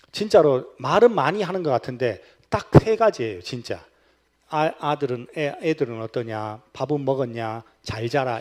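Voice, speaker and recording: Gyeongsang guy pastor lecturing a church retreat, joking around, voice jumps all over. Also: a little high. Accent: Gyeongsang Korean. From Gyeongsang region, South Korea. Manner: animated and humorous, acting out quoted lines. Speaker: pastor giving a guest lecture.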